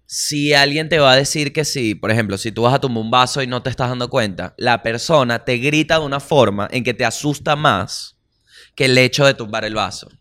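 A Venezuelan man hosts a casual comedic podcast at a mid pitch typical for a man. He talks in animated bursts, full of slang and swearing, breaking into little voices for the people he describes. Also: brisk. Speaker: podcast host.

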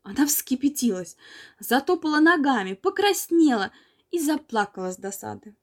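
A woman reading an old children's story aloud in a measured, expressive storytelling manner. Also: sits high. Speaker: narrator.

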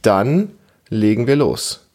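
A podcast host, likely in his thirties or forties, leads a relaxed family show, speaking encouragingly and explaining things simply to a child. His mid-range voice moves slowly with a sing-song lilt.

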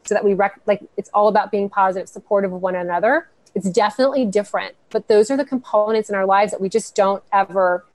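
A woman's voice: medium pitch, steady tone, quick pace, few pauses, a little mellow, no echo. Upbeat woman guest on a dry mic. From United States, Cuban family. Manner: earnest, upbeat, talks in long flowing answers. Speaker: guest, founder of a women's network. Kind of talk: podcast interview.

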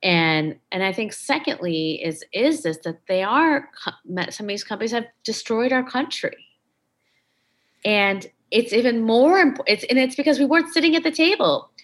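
A woman's voice: fairly high pitch, lively intonation, moderate pace. A woman guest in an interview, speaking in an impassioned, emphatic way. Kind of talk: interview conversation.

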